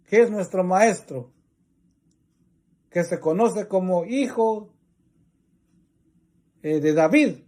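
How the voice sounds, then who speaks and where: A man with a Mexican Spanish accent, preaching a religious teaching in slow, deliberate, repetitive phrases. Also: very high-pitched, mellow.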